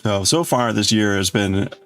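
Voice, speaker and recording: A man with a lowish, slightly bright voice talks at normal speed over faint background music. He's hosting a casual livestream, rambling and exclaiming as he crafts, greets viewers, answers them and reads out their chat.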